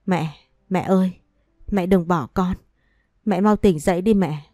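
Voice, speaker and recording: A woman's voice: lowish voice, unhurried, mellow, dry recording, clean studio sound, close to an everyday voice. A woman voicing a pleading grieving little girl. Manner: pleading, sobbing. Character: young girl grieving her mother.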